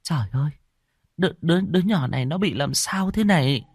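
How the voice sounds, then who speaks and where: A man's voice: a little high, animated, a little fast, breathy edge, no echo, voice pushed up. A man voicing a frightened, grieving elder wife of a household, who talks in a stammering, tearful way. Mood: distraught.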